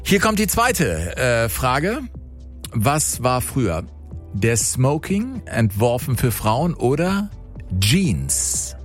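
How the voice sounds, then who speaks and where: A man hosting a radio quiz, chatting quickly with callers and explaining the rules. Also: medium pitch, big pitch swings, soft background music. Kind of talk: lively radio quiz moderation.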